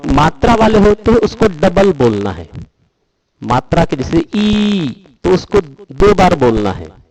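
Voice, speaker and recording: Slow-spoken man teaching dhamma. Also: on the high side, darkish tone, poor audio. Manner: explains slowly, then chants Pali verses drawn out. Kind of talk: dhamma talk teaching Pali pronunciation.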